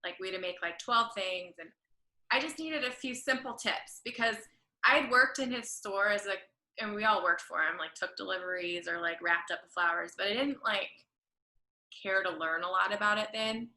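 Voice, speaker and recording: As a guest on a casual podcast, a woman who works as a florist and creative director rambles through a long story, fixing her own words along the way. Her medium-pitched voice is bright and forceful at normal speed, in a rough, reverberant recording.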